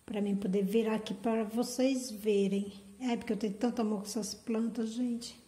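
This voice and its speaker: A woman's voice: on the high side, steady tone, moderate pace, dark tone. A woman hosting an orchid channel, unboxing plants in a casual vlog and gushing over each one with affection. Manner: gushing, affectionate, repeats "gente". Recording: echoey room.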